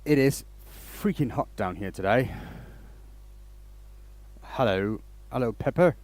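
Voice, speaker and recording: Hosting a casual woodturning livestream, a Danish man rambles and restarts his sentences while greeting viewers as he works. His medium-pitched voice is expressive, slow, and somewhat dark in tone, with no echo.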